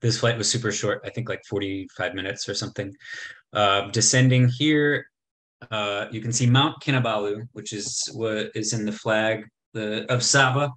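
A lowish, slightly bright male voice carries a casual travel slideshow presentation over a webcam call from an indoor room. The speaker, in his thirties, is talkative and often says "um" or starts his sentences over.

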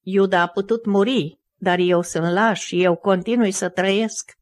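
A woman reading the lines of an anguished, remorseful male apostle who bursts out in loud, furious accusations. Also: medium pitch, steady tone, lightly acted. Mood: despairing. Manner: impassioned, loud accusing outbursts.

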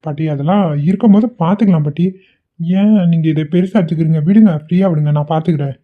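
Lady voicing a chill young cartoon husband, low and quick, tinny phone sound. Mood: soothing. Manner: soothing, coaxing. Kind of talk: Tamil cartoon voice acting.

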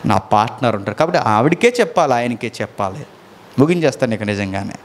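A middle-aged male preacher delivering a sermon, dramatic, swinging from loud emphatic lines to low quiet ones and often asking the listeners questions. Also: animated, fast, a little hiss or hum.

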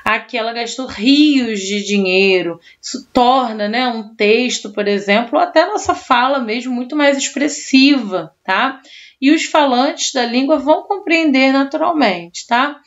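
A woman's voice: high voice, unhurried, highs cut off. A woman teacher, giving a recorded online class and explaining patiently, checking in with her students often.

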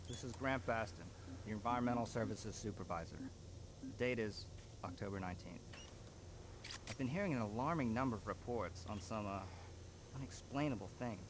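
Man voicing worried supervisor, game audio log, measured report-like delivery, noisy background. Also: on the low side, close to an everyday voice. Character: worried male base supervisor, middle-aged. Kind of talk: recorded log entry from a video game. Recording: game audio with noise behind.

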